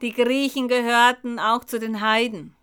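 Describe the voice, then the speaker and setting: A woman preaching a sermon, explaining a Bible passage to her congregation in a slow, emphatic way. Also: on the high side, steady tone, a bit bright, clean tone. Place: church.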